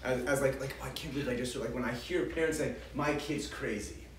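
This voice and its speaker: A man's voice: mid-range voice, fairly even intonation, fast talker, slight background noise. A man giving an informal parenting class to a group, talking conversationally, acting out what parents and children say and often restarting his sentences. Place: congregation hall. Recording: roomy hall, distant mic, faint ambience.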